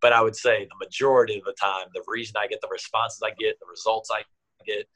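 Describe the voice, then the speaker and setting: A man's voice: lowish voice, fast talker, poor audio. A man in his thirties, an athletic trainer, telling stories in a casual interview, acting out what people said. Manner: animated, acts out quotes with raised voice.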